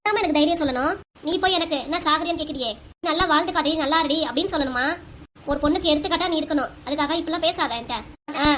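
A woman's voice: high-pitched, a bit bright, slight background noise. A woman voicing an emotional, argumentative family quarrel in a cartoon. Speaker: voice actor for all the figures. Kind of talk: cartoon voice acting.

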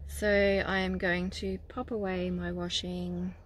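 A woman's voice: on the low side, level tone, takes it slowly, a little hiss or hum. A woman in her forties chatting to a phone at arm's length inside a small camper van, telling rambling stories with lots of fillers, tired and nursing a headache. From Australia. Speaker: van life vlogger. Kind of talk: casual vlog chat to camera. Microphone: phone held at arm's length.

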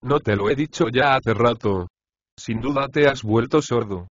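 A man's voice: medium pitch, normal speed, no room sound, lo-fi sound, natural voice. A man voicing a brash, mocking male house slave in an audiobook of a comic play. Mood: taunting. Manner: cheeky, taunting.

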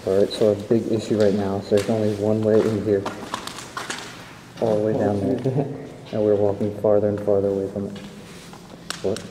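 A young man exploring an abandoned school, talking in a relaxed way and thinking aloud with fillers. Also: lowish voice, normal speed, pauses often. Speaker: urban explorer. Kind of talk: casual exploring chat. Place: inside a large abandoned school building. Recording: echoey hall with background noise.

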